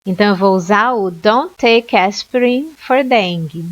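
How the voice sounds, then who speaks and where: Slow, clear-speaking female English teacher. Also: medium pitch. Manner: slow, clear teaching explanations with frequent checks like "ok?". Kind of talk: online language lesson. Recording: dull lo-fi sound.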